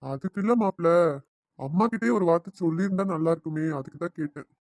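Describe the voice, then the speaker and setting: A man voicing a kindly middle-aged father-in-law in a family cartoon, speaking gently and conciliatorily. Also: a little high, lively intonation, fast, vocal fry, no echo, studio quality.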